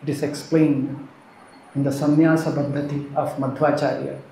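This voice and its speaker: A man giving an earnest devotional sermon, moving between soft and emphatic delivery. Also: medium pitch, little pitch movement, moderate pace, creaky, a little hiss or hum. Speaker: preacher. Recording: roomy echo.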